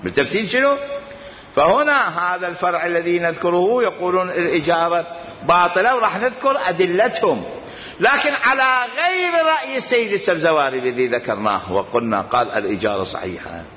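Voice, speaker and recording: A man with an Iraqi Arabic accent delivers a religious jurisprudence lecture, swinging his pitch widely as he argues and fires rhetorical questions. His bright voice rings through a long hall reverb, and the recording sounds dull and lo-fi. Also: lively intonation, a little fast, a little hiss or hum. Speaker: teacher of Islamic jurisprudence.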